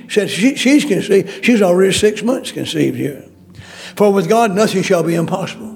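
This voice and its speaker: A high-pitched man with a gravelly edge preaches a sermon, reading old verses and then commenting in homespun asides. Faint music plays behind him. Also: a little mellow. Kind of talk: sermon reading and explaining scripture.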